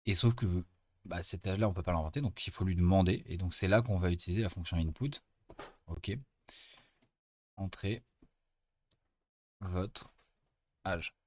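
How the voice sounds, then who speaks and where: Low-voiced man explaining code. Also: a little mellow, no room sound. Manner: casual, chatty explaining with frequent pauses. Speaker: teaching assistant. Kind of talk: screen-recorded coding lesson.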